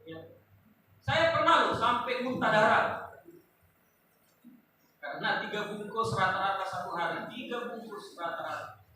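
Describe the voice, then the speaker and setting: High bright-voiced man preaching in echoey hall. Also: measured pace, long pauses, distant mic, slight background noise. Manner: preaching with sudden loud rises and quiet asides, addressing the congregation. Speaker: pastor. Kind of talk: sermon. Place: large church hall.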